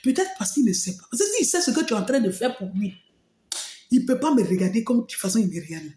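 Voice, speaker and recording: A woman shares an emotional personal testimony. Her voice sits fairly high and swings widely in pitch as she tells her story with frequent exclamations. The sound is roomy, with a noticeable echo. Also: lively intonation, fast talker, mellow. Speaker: testimony speaker.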